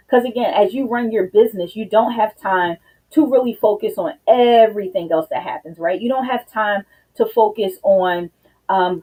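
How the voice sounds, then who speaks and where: A woman's voice: medium pitch, warm tone, breathy edge, rough recording. A woman hosting a live business show, talking casually and directly to viewers, a little out of breath. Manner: chatty, addresses viewers directly with "you guys". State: slightly out of breath. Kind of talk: casual live-stream talk.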